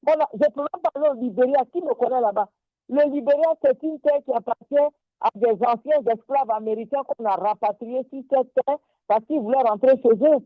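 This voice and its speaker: A woman's voice: sits high, a little fast, no room sound. A woman with an Ivorian French accent giving impassioned political commentary, indignant and emphatic, hammering her points by repeating them. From Côte d'Ivoire. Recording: dry, tinny phone-like line.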